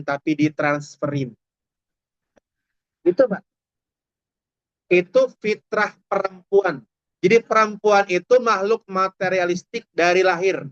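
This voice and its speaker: A man's voice: high-pitched, a bit bright, no echo. A man preaching a humorous, chatty sermon, speaking straight to the audience. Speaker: Islamic preacher. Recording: dull, dry lo-fi recording.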